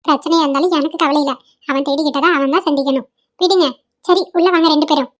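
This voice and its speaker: A woman's voice: sits high, steady tone, fast talker, natural voice. A woman voicing a sentimental, scolding elderly grandmother in a cartoon, lamenting and grumbling aloud. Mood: fussing. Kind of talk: cartoon voice acting.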